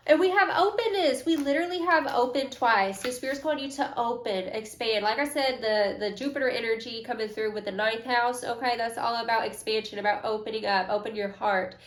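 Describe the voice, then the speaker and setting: A woman's voice: a little high, a little fast, few pauses, roomy sound. A young woman giving a casual, slangy, affirming tarot reading to her viewers. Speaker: tarot reader.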